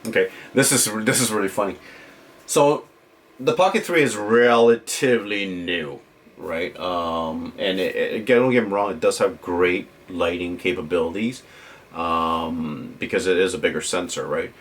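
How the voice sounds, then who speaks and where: A man's voice: low voice, normal speed. A man vlogging a casual, unscripted gear review in a rambling, opinionated way, often checking in with the listener.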